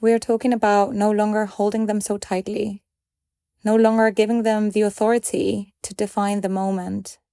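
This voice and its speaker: In a clean, echo-free studio recording, a woman with a mid-range voice leads a guided meditation. She speaks in a gentle, calm, measured way and leaves pauses between her phrases.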